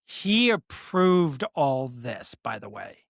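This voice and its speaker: A medium-pitched, creaky voice takes things slowly with a sing-song lilt while casually and profanely talking politics on a podcast. The host can't pronounce R and says W instead. There's no room sound in this clean studio recording.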